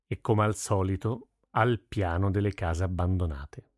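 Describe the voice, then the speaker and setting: Man doing a gruff blacksmith dad, low voice, fed up, dry storybook read. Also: unhurried, no room sound. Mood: needling. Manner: exasperated, scolding. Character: burly, gruff middle-aged blacksmith father.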